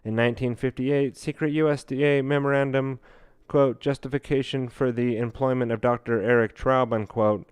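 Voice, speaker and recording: Male podcast host reading and commenting, smooth resonant voice, dry close sound, halting with fillers. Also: medium pitch, fairly even intonation, darkish tone, no room sound. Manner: halting, many fillers and restarts while reading.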